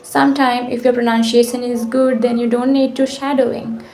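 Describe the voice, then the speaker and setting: A woman with an Indian English accent talks casually to her camera as the host of her own channel, alone indoors. Her voice sits fairly high and she pauses often, restarting and correcting herself as she goes. The sound carries a roomy echo. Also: level tone, darkish tone, a little hiss or hum. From Uttar Pradesh, India. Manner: hesitant, self-correcting with many fillers.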